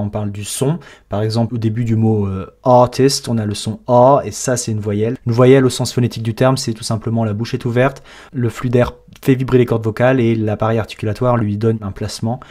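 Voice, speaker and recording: A man's voice: medium pitch, darkish tone. A French-speaking man coaching English pronunciation, breaking down each sound step by step in an explanatory lesson.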